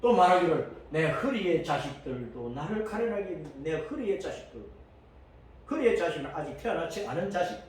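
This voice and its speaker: A male pastor preaching a sermon, animated and often acting out the voices of the people he quotes. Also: a little high, brisk. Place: church sanctuary. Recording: echoey church hall from far off.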